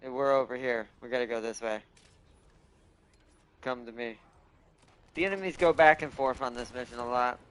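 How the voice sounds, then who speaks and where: A man's voice: medium pitch, moderate pace, pauses often, a bit bright, clean tone. A man hosting a gaming video with casual, rambling commentary, thinking aloud as he plays. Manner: rambling, thinking aloud about game lore.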